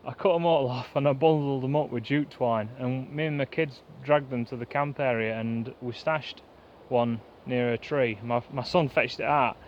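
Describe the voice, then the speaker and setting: A man chatting fast and rambling to the camera in a pine woodland, like a bushcraft vlogger. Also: mid-range voice, fairly even intonation, a little hiss or hum. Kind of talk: casual rambling chat to camera. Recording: dull lo-fi outdoor recording, faint woodland ambience.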